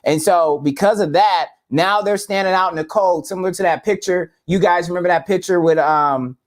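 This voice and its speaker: High-voiced man reading news aloud. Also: moderate pace. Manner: conversational, reads out news articles. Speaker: podcast co-host. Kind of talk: casual political discussion.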